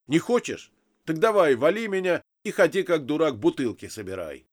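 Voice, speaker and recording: A man's voice: fairly high pitch, very animated, normal speed, pitched above the performer's own voice. A man voicing an insolent young captive who talks back to his captors. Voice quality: insolent, defiant.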